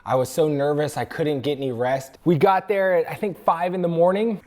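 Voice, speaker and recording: A young man vlogging to camera, telling a story with excitement and acting out the screams and quotes of others. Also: on the high side, fairly quick. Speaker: travel vlogger.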